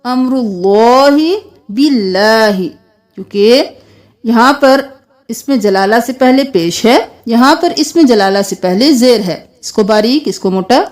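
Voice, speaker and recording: A woman with a high, light voice gives a Quran recitation lesson. She switches between quick explanations and long, melodic chanting of each verse. Between the chanting she sounds words out one syllable at a time. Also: darkish tone.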